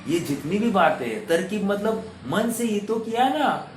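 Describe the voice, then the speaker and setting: A man's voice: sits high, lively intonation, a little slow, faint music behind. A man giving a conversational scripture talk to an audience, often checking that they understand and mixing in English words. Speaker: Jain scripture teacher. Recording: echoey room, faint ambient noise.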